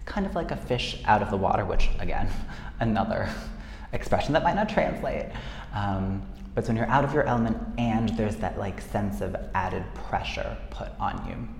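An American man hosts a casual solo podcast, chatty and self-deprecating, laughing frequently. His lowish voice is animated, moderately paced, and carries vocal fry. The room sounds echoey, with long reverb and faint noise.

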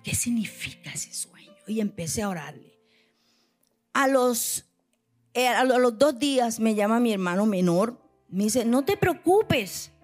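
A woman's voice: on the high side, a little mellow. A middle-aged woman preaching a sermon, speaking emphatically, asking her listeners questions and telling a personal story. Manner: tells a personal story, acting out her own prayers.

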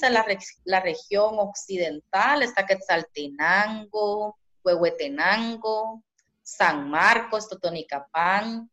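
A woman from Zacapa with an eastern Guatemalan accent and a sing-song, expressive way of talking, a guest in an interview. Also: medium pitch. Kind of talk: casual interview.

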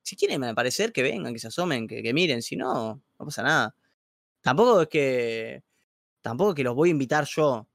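A young man with a Rioplatense Argentine accent, talking in slangy, animated bursts on a livestream chat. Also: medium pitch, a little fast, creaky, dry recording, studio quality. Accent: Rioplatense Spanish. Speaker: streamer guest. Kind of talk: casual chat on a stream.

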